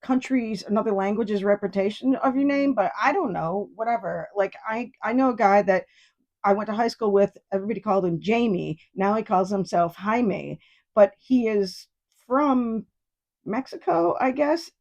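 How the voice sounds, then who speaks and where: A woman in her fifties from New York State hosts a casual solo podcast, rambling, digressing, and swearing as she goes. Her mid-range voice moves at a moderate pace with a darkish tone, and the audio sounds dull.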